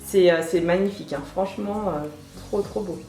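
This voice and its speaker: A young woman chatting excitedly to camera as a beauty vlogger, sitting at her makeup table indoors. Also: on the low side, moderate pace, soft background music. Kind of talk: casual beauty vlog. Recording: echoey room.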